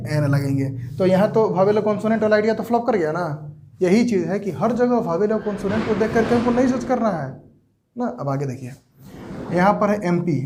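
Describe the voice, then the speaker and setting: A man with a notably high voice and a Jharkhand Hindi accent teaches English grammar to a class. He keeps asking rhetorical questions and answering them himself, and he slows down and stretches key words to drive the point home. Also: a little mellow. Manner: stretches words slowly for emphasis.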